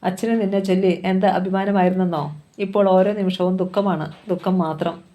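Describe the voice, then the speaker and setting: A woman reading a novel aloud in a calm, even storytelling manner. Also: medium pitch, moderate pace. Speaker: novel reader.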